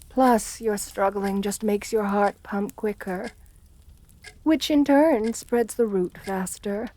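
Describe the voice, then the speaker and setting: With a medium-pitched voice near her ordinary speaking voice, a woman roleplays a countess for ASMR. The aristocrat she portrays is seductive, assertive and menacing, murmuring softly and coaxing the listener with condescending pet names.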